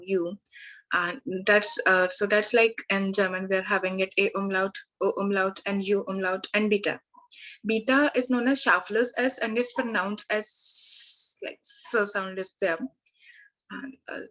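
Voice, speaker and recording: A young woman tutor giving a live beginner language lesson, talking in a halting way with many restarts and fillers. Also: mid-range voice, a bit bright, low-quality recording.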